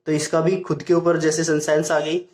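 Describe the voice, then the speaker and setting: ऊँची आवाज़ वाला हिंदी व्याकरण शिक्षक, गूंजता कमरा. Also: male voice, fairly high pitch, little pitch movement, a little mellow. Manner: explains step by step, repeats points, reads English examples slowly. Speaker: English grammar teacher. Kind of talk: Hindi-language grammar lesson. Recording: echoey room.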